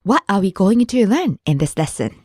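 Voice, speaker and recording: A woman's voice: medium pitch, sing-song, moderate pace, a little mellow, breathy edge, dry recording, clean studio sound. A woman co-hosting a language lesson podcast, explaining words in a friendly, scripted way.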